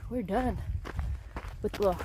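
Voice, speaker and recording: A woman filming a casual vlog outdoors on a hiking trail, talking in an excited, exclaiming way. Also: medium pitch, slow pace. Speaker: vlogger hiking a long trail. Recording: outdoor recording with clear background noise.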